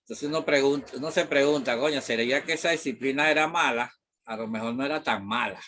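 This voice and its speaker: A man's voice: medium pitch, fast, pushed and bright, slight background noise. A middle-aged man from Venezuela with a Venezuelan accent, a math teacher talking casually and rambling, with many fillers and mild swearing. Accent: Venezuelan Spanish. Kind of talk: casual classroom talk.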